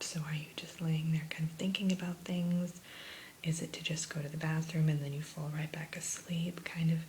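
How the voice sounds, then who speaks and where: A woman in a whispered role-play as an attentive spa consultant, gently talking a client through questions and advice like a spa receptionist. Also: low voice, poor audio. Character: soothing, attentive female spa sleep consultant. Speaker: ASMR performer playing a spa sleep consultant. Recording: close whisper with background hiss.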